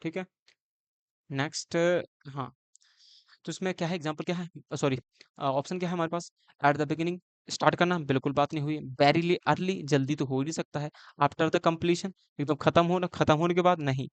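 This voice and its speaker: A man teaching an exam-prep lesson on idioms. He quizzes himself with questions, mixes Hindi and English, and slows down to spell out each phrase. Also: a little high, steady tone, no echo. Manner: explains with repeated questions and answers; calls students bhaiya.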